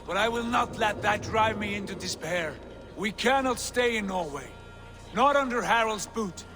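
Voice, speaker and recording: A man's voice: high-pitched, animated, normal speed. A man playing a proud, fiery Viking prince in a video game, giving commanding, formal speeches to his clan. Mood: resolute. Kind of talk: dramatic video game cutscene oratory. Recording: long reverberant hall, music behind.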